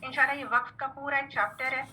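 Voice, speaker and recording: A high, very bright-voiced woman leads a recitation lesson, patiently sounding out each letter and checking understanding. A faint hiss sits under her voice. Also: fairly even intonation, poor audio. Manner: patient, repeats "theek hai" often; drills letter sounds slowly. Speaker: Quran recitation teacher. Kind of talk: online tajweed lesson.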